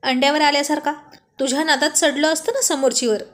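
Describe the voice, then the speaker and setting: A woman's voice: high-pitched, fairly even intonation, a little fast, fairly bright tone. A woman reading the lines of a playful young married man who banters and mock-scolds his friends. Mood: teasing.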